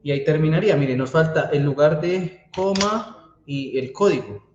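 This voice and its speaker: A man's voice: fairly high pitch, normal speed, darkish tone, dull audio, a little hiss or hum. A man teaching a university database class, walking students through code step by step and checking in with them often. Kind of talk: live coding class lecture. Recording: echoey room, faint keyboard typing.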